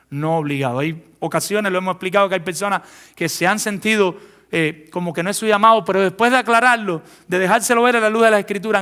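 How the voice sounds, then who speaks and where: Bright high-voiced man preaching. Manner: emphatic preaching, rising questions and hushed solemn drops. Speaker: pastor. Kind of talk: sermon. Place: church.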